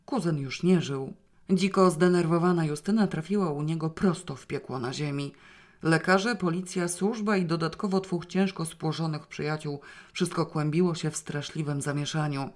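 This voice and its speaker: An audiobook narrator with a medium-pitched voice reads a novel aloud. The scripted narration is steady and measured.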